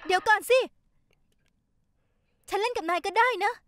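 A woman's voice: very high voice, normal speed, a bit bright, soft background music. A woman voicing an earnest, kind young heroine in a dubbed TV drama, polite and pleading. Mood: worried.

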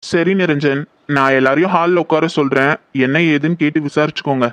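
A man voicing a steady, reassuring head of the household in a horror audio drama. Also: a little high, a little fast, clean tone, dry recording, natural voice. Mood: firm. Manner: firm, reassuring. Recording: dull lo-fi, dry.

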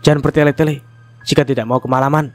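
A man playing a stern older village headman who gives orders forcefully. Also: mid-range voice, fairly even intonation, fast, soft background music, natural voice. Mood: cold. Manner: forceful, commanding, impatient.

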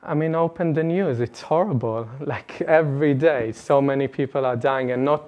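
A man's voice: medium pitch, moderate pace, lo-fi sound. Earnest man in his late twenties. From Israel. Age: late 20s. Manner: earnest, animated, gestures broadly, laughs between points. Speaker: retreat speaker. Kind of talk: personal talk to a live audience. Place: indoor meeting room before a curtain. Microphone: lapel mic.

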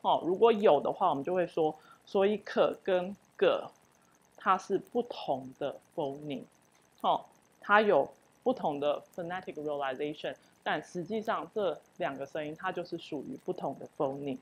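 A woman with a Taiwanese Mandarin accent lecturing on linguistics. She explains patiently, repeats example words slowly, and often says "oh". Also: deep voice, breathy edge, dull audio. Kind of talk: university lecture.

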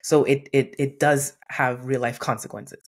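With a husky, extremely low voice at a measured pace, a workplace consultant in her forties narrates stories earnestly on a video call. She animates them by acting out quotes, a painting on the wall of her home room behind her.

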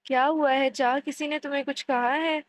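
A woman's voice: high voice, fairly even intonation, slight background noise, close to an everyday voice. A woman reading the lines of a stubborn, devoted boy who pleads and protects in a storybook reading. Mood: protective. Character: stubborn devoted young boy, later young man.

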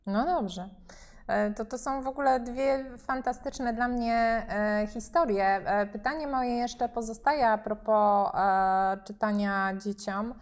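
A woman's voice: fairly high pitch, steady tone, slow pace. Woman interviewer, filler-heavy questions. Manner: many fillers, frequent encouraging murmurs. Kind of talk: casual interview.

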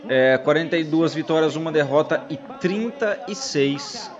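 A man casually hosts commentary over old fight footage, chatting and joking with his co-host. His voice is fairly high and his pace measured, the sound dull with the footage's loud crowd noise behind.

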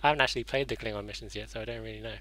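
A man's voice: lowish voice, fairly even intonation, rapid-fire, a bit bright, rough recording. A young man hosting a gaming show in casual let's-play commentary, rambling with fillers and self-corrections.

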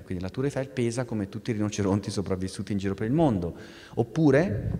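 A man giving a live public science lecture, animated and discursive, restarting phrases and turning to the audience with asides. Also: on the low side, in a large hall.

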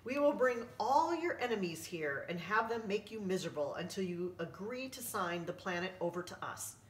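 A woman's voice: mid-range voice, expressive, normal speed, lightly acted. A woman voicing grumpy green globby aliens in a stiff, demanding, formal way. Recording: roomy, distant mic.

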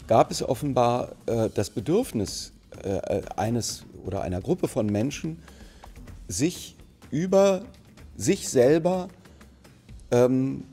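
In a mellow mid-range voice, a middle-aged German actor with a light Berlin accent responds to interview questions marking a museum anniversary. He is seated in a bright, plain indoor studio, framed mid-shot facing the camera, and he pauses to find words, using many fillers and starting over often.

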